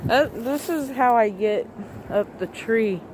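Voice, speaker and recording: Slow male vlogger through a gender swap filter. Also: extremely high pitch, background noise. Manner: hesitant, rambling, many fillers. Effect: gender swap voice filter making him sound like a woman. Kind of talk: casual rambling vlog. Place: outdoors in woods, up in a tree.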